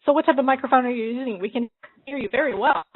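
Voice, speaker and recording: A woman's voice: sits high, rapid-fire. A woman hosting a drawing livestream, chatting casually and laughing often as she works. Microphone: computer mic she adjusts. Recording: narrow phone-like sound.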